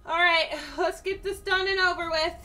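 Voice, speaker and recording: A woman streamer with a high, bright voice chats loosely through her gameplay, swearing freely and bursting into loud outbursts. She sounds a little off-mic, with faint game music playing behind her. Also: flat delivery, moderate pace, distant mic. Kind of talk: casual gameplay chat.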